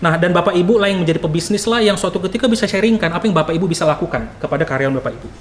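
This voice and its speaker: A man's voice: high voice, very fast. A man delivering a sermon in a slightly raised voice, exhorting his listeners and turning to them again and again. He poses rhetorical questions and answers them himself. Faint noise sits under the recording. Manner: exhorting, with frequent direct address to the listeners. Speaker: preacher. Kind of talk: sermon addressing a congregation.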